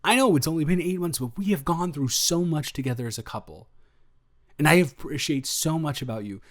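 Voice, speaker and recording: In an improvised roleplay audio, a young man plays an affectionate, excitable, goofy boyfriend, chatting casually and effusively. His speech is rambling, slangy and stumbling, his natural voice sits on the high side, and he talks fairly quickly, sounding excited and adoring.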